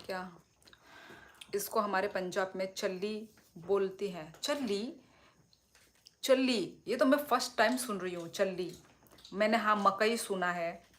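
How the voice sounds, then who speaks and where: Her voice is medium-pitched, a bit bright and a little slow. She's a young native Kokborok speaker from Tripura, northeast India, casually chatting on a phone livestream while eating and playfully answering viewers' comments.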